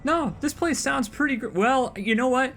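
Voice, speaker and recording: Over music, a let's play streamer speaks at a moderate pace in an extremely high-pitched voice, though his manner is soothing. His commentary is chatty and rambling, full of restarts and side comments as he plays.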